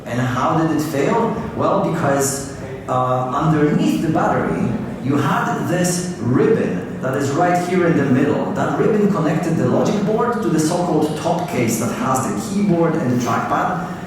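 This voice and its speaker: A man's voice: a little high, lively intonation, measured pace. A man from Poland giving a keynote conference talk, chatting casually with many fillers and "like". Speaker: keynote speaker. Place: large conference hall. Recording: distant, echoey hall with noise.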